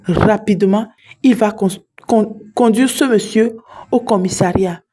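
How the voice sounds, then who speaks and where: Mellow-voiced woman storyteller. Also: medium pitch, a little slow. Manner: addresses listeners directly. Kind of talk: dramatic storytelling.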